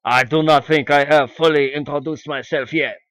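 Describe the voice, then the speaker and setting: A man's voice: on the high side, steady tone, moderate pace, a bit bright, dry recording, lightly acted. A man voicing a haughty young French girl from a visual novel, with a put-on, exaggerated French accent. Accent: fake French.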